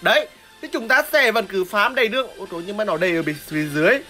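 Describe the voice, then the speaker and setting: A woman's voice: mid-range voice, animated, rapid-fire, bright, forceful tone, soft background music. A woman giving live gameplay commentary, explaining her strategy and crying out and repeating words during fights. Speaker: gameplay streamer.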